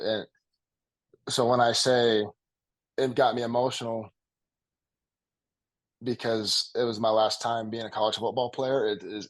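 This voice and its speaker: Earnest, emotional young man, low voice. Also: rough recording. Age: young adult. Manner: slow, earnest, repeats phrases for emphasis. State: emotional, close to tears. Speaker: college football player guest. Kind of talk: reflective interview conversation.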